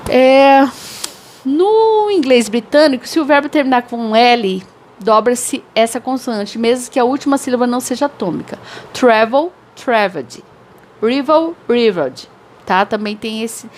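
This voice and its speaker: A woman whose first language is Portuguese teaches English grammar in a recorded lesson, speaking in a slightly high voice. She explains patiently, spells out examples slowly and keeps checking in with her students. A faint hiss of background noise sits under the recording. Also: animated, darkish tone. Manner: explains slowly, repeats examples, often adds "tá?".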